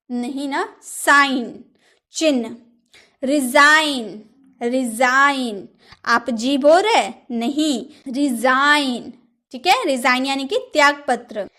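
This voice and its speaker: A woman with a high voice teaches an English lesson. She speaks slowly and patiently, often asking a rhetorical question before answering it herself. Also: fairly bright tone. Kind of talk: classroom lesson.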